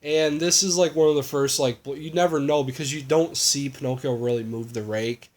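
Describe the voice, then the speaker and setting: A man's voice: medium pitch, fairly even intonation, brisk. A man co-hosting a casual movie recap chat, rambling with lots of fillers and crude jokes.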